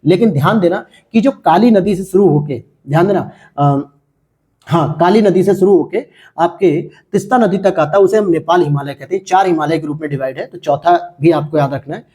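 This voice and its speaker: A man's voice: on the high side, normal speed, dark tone. A man teaching and going over test questions, talking straight to students and asking and answering his own questions. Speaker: exam-prep teacher.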